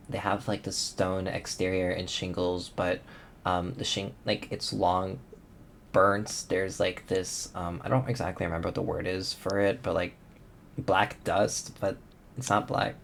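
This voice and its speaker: A man's voice: low-pitched, steady tone, measured pace, vocal fry, a bit bright, a little hiss or hum. A man narrating a tabletop game as game master, casual and hesitant with many ums.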